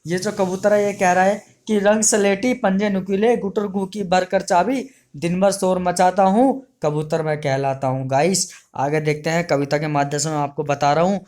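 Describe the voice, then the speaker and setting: A man's voice: sits high, fairly even intonation, normal speed, few pauses, darkish tone. A male teacher, giving an online exam-prep lesson, reading short poems aloud and then explaining each one plainly.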